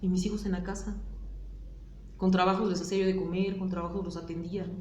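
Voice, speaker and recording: A woman's voice: fairly low pitch, flat delivery, fast talker, mellow, echoey room, slight background noise. A woman with a Mexican Spanish accent, speaking candidly and hesitantly in a personal testimony interview, with many fillers and tag questions.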